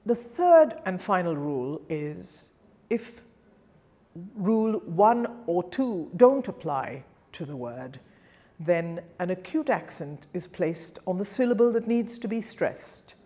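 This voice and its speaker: A woman teaching singing diction, demonstrating each sound slowly and repeating the example words. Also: on the low side, big pitch swings, mellow. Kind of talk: pronunciation lesson.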